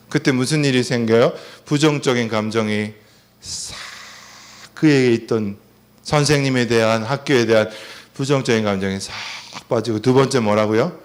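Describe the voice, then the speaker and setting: Lecturing at a family seminar in a mid-range voice, a middle-aged man animatedly shares personal stories and quizzes his audience.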